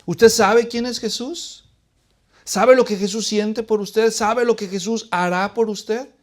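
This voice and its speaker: A Latin American man preaches a sermon in a slow, steady voice that sits high, posing questions to his listeners and then answering them. He shifts between hushed pleading and loud emphasis.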